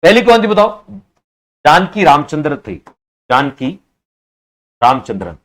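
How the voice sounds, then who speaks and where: Quizzing students in an online exam-prep class, a man repeats each answer and sometimes scolds them for being slow. His slightly high voice is sing-song and a bit bright.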